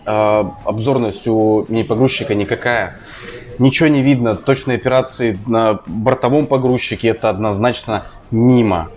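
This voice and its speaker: An actor playing a plain-spoken, hesitant machine owner complaining like a patient in a comic ad sketch. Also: male voice, on the low side, moderate pace, darkish tone, a little hiss or hum, close to an everyday voice. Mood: troubled. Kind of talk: scripted comic advertising sketch.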